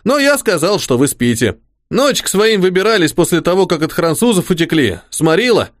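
A man voicing a devoted old soldier-servant, humble and eager, his folksy words tumbling out as he fusses over his officer. The voice sits high and swings up and down. The sound is close and dry, with no room around it. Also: very animated, moderate pace, no room sound. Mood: fussing. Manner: rustic folksy speech, fussing and eager. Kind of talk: audiobook character voice.

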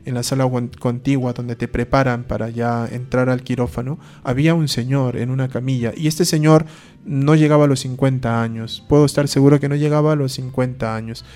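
A man's voice: medium pitch, fairly even intonation, a little fast, darkish tone. A man, a priest giving a conversational talk on faith, asking rhetorical questions and acting out short dialogues. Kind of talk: conversational preaching.

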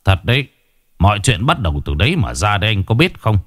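A man playing a grim one-eyed exorcist in a ghost story, speaking low and stern with a reproachful edge. His delivery rises and falls with feeling, recorded close and dry. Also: big pitch swings, fast talker, a bit bright, no room sound. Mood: stern scolding. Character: stern one-eyed male exorcist master, older, gruff.

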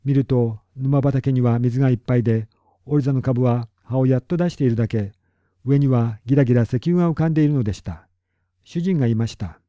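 Guy calmly reading a storybook, deep mellow voice, dry and a bit muffled. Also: brisk, no room sound. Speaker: narrator. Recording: dull lo-fi recording.

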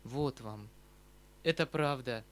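A man's voice: mid-range voice, slow, a bit bright, a little hiss or hum, voice pushed down. A man reading aloud, voicing the lines of an earnest, proud young woman in a scripted audiobook narration. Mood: stern.

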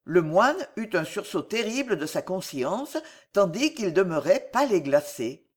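A woman narrating a classic novel as an audiobook, in a measured and dramatic manner. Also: fairly low pitch, sing-song, husky. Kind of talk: expressive literary narration.

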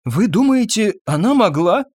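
Man doing a flustered scientist, high-pitched, lively, indignant outbursts, dry close sound. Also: moderate pace, breathy edge, dry recording, heavily acted. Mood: anxious. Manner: excited, indignant, shrill outbursts. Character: agitated male scientist, middle-aged, easily flustered.

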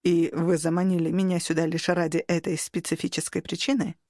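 A reserved male android starship captain, as a woman reader puts him on, speaking lower and softer than her narration. His delivery is earnest and polite. The audiobook sound is dry, close and free of room echo. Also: little pitch movement, fairly quick, close to an everyday voice. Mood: subdued. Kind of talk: audiobook character reading.

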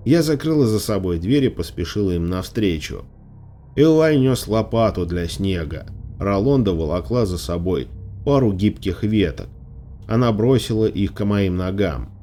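A man narrating an audiobook in a measured, even storytelling manner. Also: on the low side, slight background noise. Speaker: audiobook reader. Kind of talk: scripted narration.

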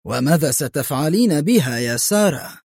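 Reader plays a wary male crime boss for an audiobook: guarded, tense, lively, dry. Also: a little high, moderate pace, creaky, no echo. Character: wary, angry male drug-gang boss.

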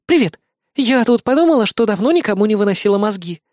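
A man reading an audiobook, voicing a brash, scheming young goddess who talks loud and snappy. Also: very high voice, lively intonation, moderate pace, no echo, clean studio sound, voice pushed up. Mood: teasing. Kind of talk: audiobook character voice.

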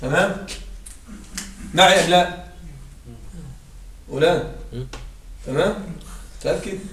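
High-voiced man teaching grammar, echoey room. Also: fairly bright tone. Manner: checks understanding with frequent "right?"; recites Quranic verses slowly and drawn out. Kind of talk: classroom grammar lesson. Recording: echoey room, distant mic, faint hiss.

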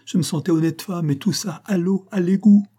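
A man's voice: sits high, a little fast, mellow, slightly rough, voice pushed up. A man voicing a bitter, heartbroken young woman who mocks and reproaches her lover in a raised voice. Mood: angry, anguished. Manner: mocking, reproachful, rising to cries.

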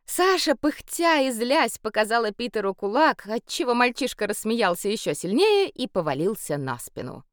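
A woman reading a children's story aloud with playful, expressive narration. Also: on the high side, normal speed, hardly any pauses, no room sound, clean studio sound. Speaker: audiobook reader.

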